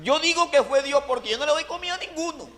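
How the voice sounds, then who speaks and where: A Colombian man preaches his testimony from the pulpit, telling it in a lively way with acted-out voices and sudden drops to near hushes. His voice sits fairly high for a man. The sound carries a long reverb from a large church hall. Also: fast, a little hiss or hum. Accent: Colombian Caribbean Spanish. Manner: animated storytelling, acting out voices, swings from shouting to hushed. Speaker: pastor. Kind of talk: sermon testimony.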